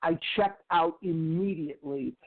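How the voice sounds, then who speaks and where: A man's voice: fairly high pitch, a little slow. A man in his sixties giving a candid, emphatic personal recovery share, often repeating phrases. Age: 60s. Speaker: recovery speaker. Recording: tinny phone-like recording.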